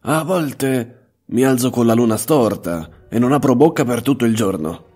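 A man voicing a blunt, self-assured young male detective in a measured, matter-of-fact tone. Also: medium pitch, animated, darkish tone, husky, soft background music. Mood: calm.

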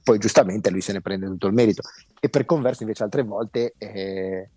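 A man giving conversational sports opinion as a podcast panellist, pausing to search for words as he argues. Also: on the low side, mellow, husky, no echo.

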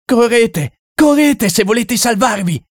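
Frantic French spiritualist, shrieking panic, much higher than the male reader's own voice. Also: lively intonation, slow pace, dry recording, clean studio sound, heavily acted. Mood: panicked. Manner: shrill, frantic shouting.

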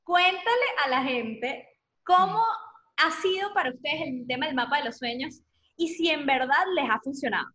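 A woman's voice: sits high, moderate pace, bright, forceful tone, roomy sound, lo-fi sound. A woman host leading an interview, enthusiastic as she asks her guests questions. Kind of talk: interview hosting.

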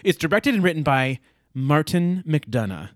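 Man with a dry, higher voice. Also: big pitch swings, measured pace, no echo. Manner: eager, chatty movie buff. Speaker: film podcast co-host. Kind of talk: casual film chat.

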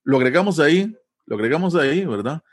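A man from Costa Rica with a Costa Rican accent, explaining in a relaxed, patient way as an interview guest, often pausing with fillers and tag questions. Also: a little high. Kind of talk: casual conversational explanation.

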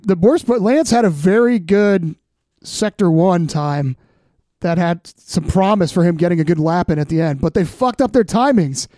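A man talks casually about sport as a podcast co-host. His voice sits high for a man, with a mellow tone. The sound is close and dry. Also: animated, moderate pace, no room sound.

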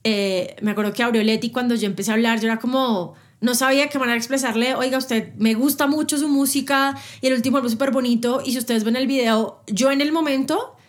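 Presenter guest, woman, quick and lively anecdotes, a bit high-pitched. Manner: fast, animated storytelling. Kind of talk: casual interview chat.

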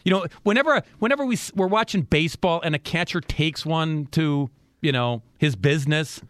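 A man's voice: fairly high pitch, normal speed, a bit bright, dry recording. A man hosting a radio show on a studio mic, bantering playfully in casual chat.

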